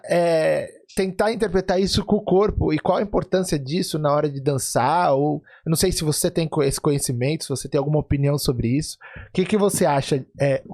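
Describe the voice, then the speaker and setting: A male podcast host with a somewhat high voice talks in a loose, conversational way. He thinks aloud, restarts sentences and keeps checking in with his guest. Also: darkish tone. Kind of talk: casual interview chat.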